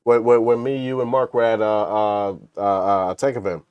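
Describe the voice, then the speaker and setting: A man co-hosting a casual podcast discussion at a middle pitch, his voice close and dry with no room sound. He talks in an animated way and now and then slips into mocking impressions. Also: fairly quick, smooth, no echo, muffled recording. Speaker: podcast co-host.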